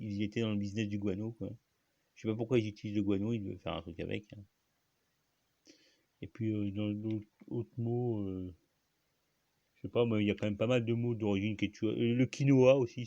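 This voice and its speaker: This channel host speaks alone in a loose, meandering way, often coughing, using fillers, and starting sentences over. His fairly low voice is mellow with some vocal fry. The sound is dry and lo-fi.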